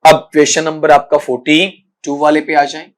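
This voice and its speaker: Indian guy teaching english exam prep, slightly high voice, keeps calling students beta. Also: completely flat delivery. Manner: repeats words slowly, addresses students as beta.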